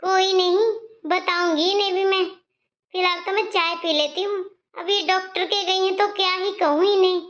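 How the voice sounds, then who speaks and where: A woman's voice: very high-pitched, fairly even intonation, moderate pace, fairly bright tone, muffled recording. A woman voicing a spoiled, bossy young married daughter in a cartoon story. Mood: complaining. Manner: complaining, bossy.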